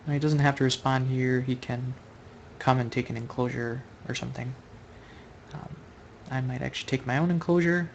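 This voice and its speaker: A man with a gravelly, fry-laced voice talks casually through his own board game at a mid pitch. He thinks out loud and often stops to correct himself. A faint hiss of noise sits under the home recording. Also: fairly even intonation, moderate pace, muffled recording. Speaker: Go player commenting on his own online game. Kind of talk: casual live game commentary.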